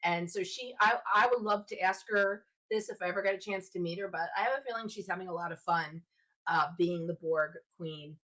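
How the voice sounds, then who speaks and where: A woman's voice: lowish voice, brisk, bright, forceful tone, low-quality recording. A woman hosting her own show, talking casually on her own and thinking aloud as she speculates in a chatty way. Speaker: show host. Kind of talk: casual solo fan commentary.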